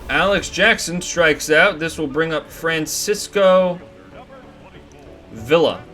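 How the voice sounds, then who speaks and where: A young man giving play-by-play commentary over a baseball video game, getting excited on big plays. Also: on the high side, slow. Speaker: gaming commentator. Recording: faint music behind.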